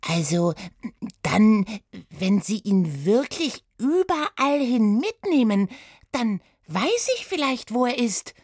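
A woman voices an eager young assistant detective, speaking in a chirpy, keen way that is heavily acted and pitched above her own natural voice. The delivery is very animated yet slow, on the high side and a little mellow, with clean studio sound and no room sound.

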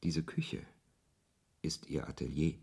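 In a radio play, an actor voices a brooding, ironic author narrating his own story in the first person, literary and sardonic, with dialogue mixed in. His low, husky voice is a little mellow and sing-song, and he goes slowly. The reflective narration is heavily acted.

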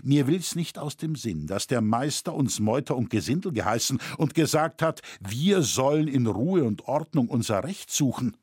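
A blunt, rousing smith addressing a crowd of craftsmen, as a male reader plays him. His rhetorical speech rises and falls in lively pitch, and his voice is slightly husky. It sounds dry and close. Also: moderate pace, few pauses, dry recording.

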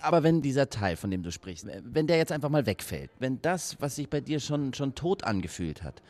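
A man plays an earnest romantic in a radio drama who keeps pressing with searching questions. His pitch moves lively up and down as he pleads, around a middle register. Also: moderate pace, natural voice. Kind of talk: radio play dialogue.

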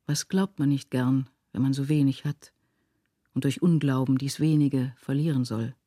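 A woman reading a classic novella aloud in a measured, earnest storytelling style, recorded in a studio. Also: rumbling low, fairly even intonation, dark tone, no room sound. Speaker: reader of a literary audiobook. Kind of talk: scripted narration of a classic novella.

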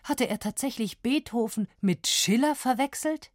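A woman narrating a story in an expressive, lively storytelling voice. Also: on the high side, normal speed, no echo, studio quality.

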